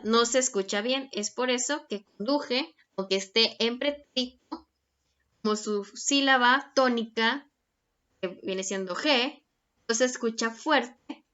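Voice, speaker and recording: A woman's voice: on the high side, sharp tone. A young woman teaching a grammar lesson, patient and checking in often with her students. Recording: dull lo-fi recording.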